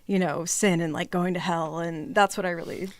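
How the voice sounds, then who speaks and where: A woman guesting on a casual studio podcast, speaking softly and hesitantly, searching for her words. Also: on the low side, steady tone, normal speed, no echo. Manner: hesitant, soft-spoken, laughs between thoughts. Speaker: singer-songwriter guest. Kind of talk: casual chat. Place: music studio.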